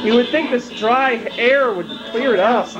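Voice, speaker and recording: A man's voice: very high-pitched, unhurried, loud music behind the voice. A man heckling through live wrestling commentary, firing off crude mocking jokes. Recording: dull lo-fi noisy audio.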